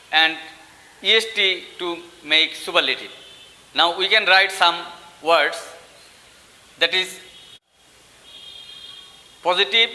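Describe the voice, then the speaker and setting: A male English teacher with a Bengali accent gives an online grammar lecture, slowly spelling out each word form. His voice sits high and rings very bright. A long reverb trails his words, as if he were recorded in a hall. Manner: slow, deliberate, spells out word forms one by one.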